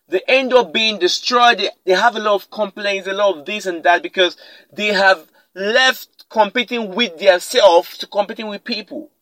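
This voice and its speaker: High-voiced motivational male podcaster, dry sound. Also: fairly bright tone, no echo, low-quality recording. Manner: emphatic, repeats key lines for effect. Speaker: podcast host. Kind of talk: motivational talk.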